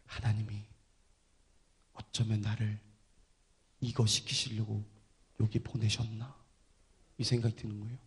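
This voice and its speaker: A man preaching a sermon and telling his story with drama, dropping from loud to hushed. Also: fairly low pitch, flat delivery, measured pace, pauses often. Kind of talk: sermon testimony.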